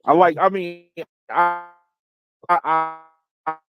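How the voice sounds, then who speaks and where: A man hosting a casual tech podcast, rambling with restarts and quick laughs. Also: fairly high pitch, steady tone, highs cut off. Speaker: podcast host.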